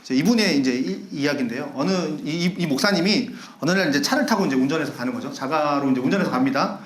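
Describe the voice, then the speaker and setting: A man preaching a sermon as pastor, telling a story with lively acted-out shouts and laughter. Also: a little high, quick pace, reverberant. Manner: animated storyteller acting out angry shouts and laughing. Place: church sanctuary.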